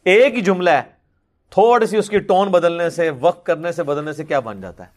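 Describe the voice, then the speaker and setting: A man's voice: high-pitched, animated. A man giving a religious question-and-answer talk, reasoning patiently and pressing hard on his key points.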